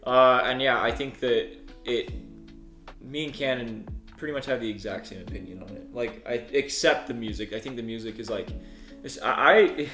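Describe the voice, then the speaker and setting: A man's voice: mid-range voice, normal speed, fairly bright tone. Young man rambling in a roomy room. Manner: rambling, many restarts and fillers. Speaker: co-host ranking shows. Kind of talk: casual group chat. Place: living room couch with friends. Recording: roomy sound with music underneath.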